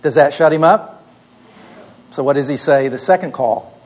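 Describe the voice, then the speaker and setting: A man's voice: fairly high pitch, normal speed, darkish tone, poor audio. A man teaching a class, leading students through a story step by step by asking questions and answering them himself. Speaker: instructor.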